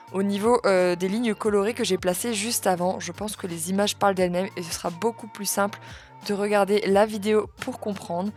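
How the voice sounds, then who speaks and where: A woman calmly narrating a step-by-step nail art tutorial as the channel's host. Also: mid-range voice. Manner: calm, step-by-step explaining with fillers.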